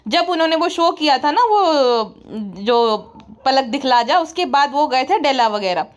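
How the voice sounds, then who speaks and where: A woman's voice: high voice, expressive, a little slow. A woman doing sarcastic, mocking parody commentary in a chatty, scolding way. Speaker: comedy commentator.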